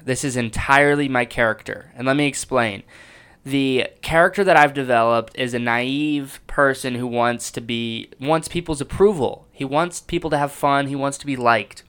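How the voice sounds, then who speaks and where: A comedian talking excitedly and reflectively as he breaks down his own stand-up set. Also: medium pitch, smooth. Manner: enthusiastic and self-reflective, with restarts.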